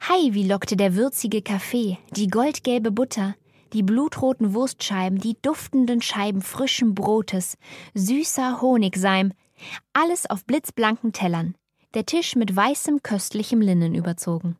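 Female narrator, measured and mock-solemn, dry studio sound. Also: medium pitch, darkish tone, dry recording. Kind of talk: scripted storybook narration.

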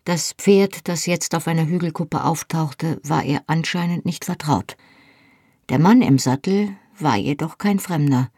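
A husky female voice tells a story in first person with measured, lightly dramatized delivery. The studio recording is close and very dry. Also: low voice, darkish tone, no echo. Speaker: audiobook narrator. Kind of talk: scripted first-person audiobook narration.

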